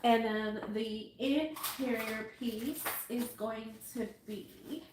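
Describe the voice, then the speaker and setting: Taking her time, a woman with a highish, stuffy and nasal voice hosts a casual live sewing tutorial, welcoming viewers in a chatty, self-amused way. The room echoes, and faint noise sits in the background.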